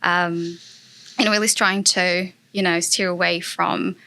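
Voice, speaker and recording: A woman's voice: on the low side, level tone, slow, bright, forceful tone. A woman from Brazil with a Brazilian Portuguese accent, a guest chatting in an interview in an earnest way with many fillers. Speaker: guest, property investor. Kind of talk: casual interview chat.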